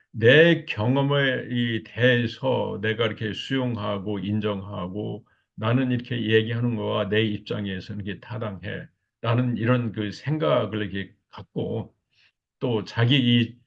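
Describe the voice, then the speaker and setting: Older male lecturer, gravelly and low, hesitant filler-laden delivery, muffled lo-fi sound. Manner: halting, many fillers, repeats "이렇게" constantly. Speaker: lecturer on marriage communication. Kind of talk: recorded lecture. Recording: dull lo-fi recording.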